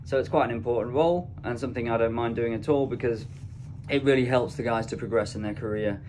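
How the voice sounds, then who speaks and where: A young man records himself on a phone at arm's length as he walks through a ship's interior. He explains his routine in a relaxed, conversational way, at an ordinary middle pitch. A clear layer of background noise runs under his voice. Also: fast talker. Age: young adult. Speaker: cruise ship deck officer vlogging his day. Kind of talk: casual vlog narration. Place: indoors on a ship, offices and mess rooms. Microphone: phone held at arm's length.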